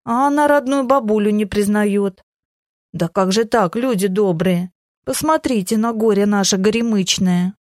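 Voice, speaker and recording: A woman's voice: medium pitch, moderate pace, a little mellow, no room sound, clean studio sound, natural voice. A woman voicing a hunched, sly old crone who fawns and laments in a quavering voice, full of sugary endearments. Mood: lamenting.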